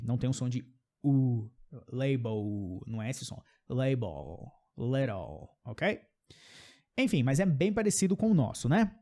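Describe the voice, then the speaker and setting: A Brazilian man, a native Portuguese speaker, gives an English pronunciation lesson, saying example words slowly and often checking in with "ok?". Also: medium pitch, warm tone. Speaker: English teacher.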